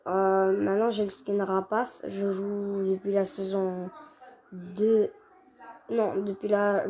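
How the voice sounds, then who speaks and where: A woman doing casual gameplay commentary, excitable and quick to gripe and exclaim at the game. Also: mid-range voice. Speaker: gaming video creator. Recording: noisy home recording with clicks.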